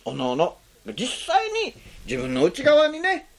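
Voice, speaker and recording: Pastor preaching with wildly swinging pitch. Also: huge pitch swings, a little slow, vocal fry. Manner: rhetorical questions to the congregation; frequent tag "ne" between phrases. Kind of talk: sermon.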